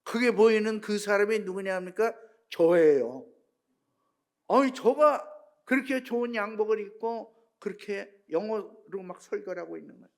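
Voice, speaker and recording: An older man, a pastor, preaching a sermon with a personal testimony, telling it with feeling and moving between hushed tones and shouts. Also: sits high, fairly quick, vocal fry. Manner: emotional storytelling, swinging between hushed and shouting.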